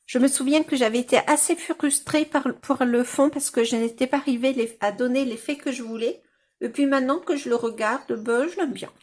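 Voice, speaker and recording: A woman with a somewhat high voice chats casually at home. She rambles and restarts often, filling her pauses as she talks viewers through her coloring pages. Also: darkish tone. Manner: rambling and chatty, with many fillers and restarts. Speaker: coloring-book YouTuber.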